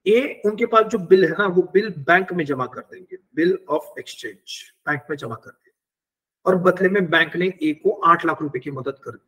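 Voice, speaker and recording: A man teaches a banking exam class online, building each idea from a worked example. His voice sits high and a little husky. He stops often to check that his students are following. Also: fairly bright tone, rough recording. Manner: explains step by step with worked examples, mixing English terms. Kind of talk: online lecture.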